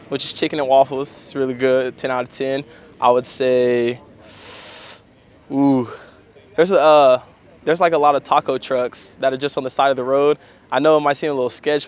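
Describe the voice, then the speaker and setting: A man's voice: medium pitch, steady tone, normal speed. A young man from New Mexico giving casual, matter-of-fact answers as a college football player in an interview. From New Mexico, United States. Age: young adult. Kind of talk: post-practice media interview answers.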